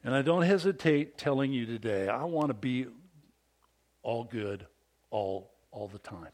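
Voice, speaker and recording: A man in his fifties pastors through a sermon for fathers, animated and big in delivery as he calls for amens from the congregation. His voice is mid-range and his pace measured.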